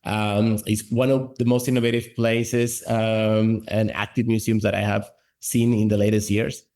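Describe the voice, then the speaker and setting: A man's voice: on the low side, little pitch movement, a little slow, a little mellow. A man hosting a conversational interview podcast in an informal, enthusiastic manner. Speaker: podcast host.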